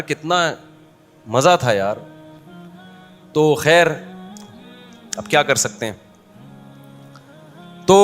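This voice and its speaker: A middle-aged man preaches in a loose, storytelling manner, pitched a little high for a man. He jokes and turns to his listeners as if chatting with friends. Soft music sits far behind him. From Pakistan. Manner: chatty, humorous storytelling, addresses listeners directly. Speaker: Islamic preacher. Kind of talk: informal religious talk with anecdotes.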